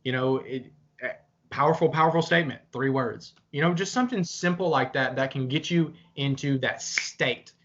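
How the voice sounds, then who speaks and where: A man's voice: mid-range voice, moderate pace, a bit bright. A young man co-hosting a casual chat, talking earnestly and motivationally, with some swearing. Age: young adult. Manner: earnest, pep-talk delivery with some swearing. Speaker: podcast co-host. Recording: slightly dull lo-fi audio.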